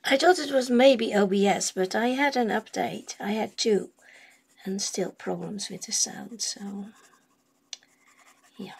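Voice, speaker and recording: A woman chatting casually on a drawing livestream in unhurried, trailing murmurs, with a pencil scratching on paper. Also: mid-range voice. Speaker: colouring livestream host. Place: indoors at a drawing desk. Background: pencil scratching on rough paper.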